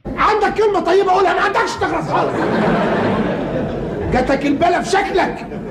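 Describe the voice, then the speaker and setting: A man putting on a shrill scolding voice of a nagging Egyptian woman, with an Egyptian Arabic accent. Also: fairly quick, roomy sound, recorded from a distance, over a noisy crowd, heavy background noise. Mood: mocking scold. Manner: shrill scolding put-on voice, laughing.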